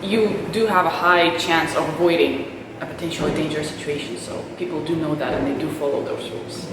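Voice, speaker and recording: A woman's voice: low voice, steady tone, a little fast. Woman, casual interview explainer, super echoey room, noisy recording. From Belarus and South Africa. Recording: strongly echoing room with background noise.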